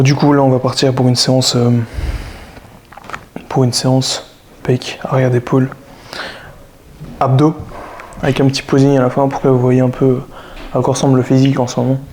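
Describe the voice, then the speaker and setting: Chatty young man, mellow flat voice. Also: mid-range voice, moderate pace, long pauses, slight background noise. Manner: chatty, coaching tone, slangy. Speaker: fitness vlogger. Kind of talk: casual vlog talk to camera.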